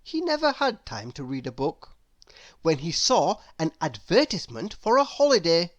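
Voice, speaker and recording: Reading a children's story with expressive narration, this woman has a lowish voice and keeps to a moderate pace.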